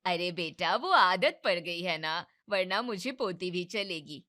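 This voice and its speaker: A woman's voice: on the low side, lively intonation, a little slow, pushed and bright. A woman voicing a bossy but caring older mother-in-law in a cartoon family drama, scolding and commanding.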